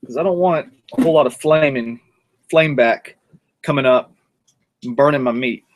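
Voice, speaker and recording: A North Georgia, USA man hosts a casual outdoor grilling vlog as a cooking show host, rambling and joking while he works the grill. His voice is medium in pitch and moderate in pace.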